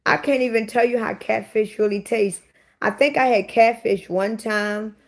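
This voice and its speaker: A woman's voice: a little high, steady tone, moderate pace. A woman in her forties chatting live with her viewers, bluntly and profanely talking back to commenters. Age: 40s. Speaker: livestream host. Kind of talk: casual livestream chat with viewers.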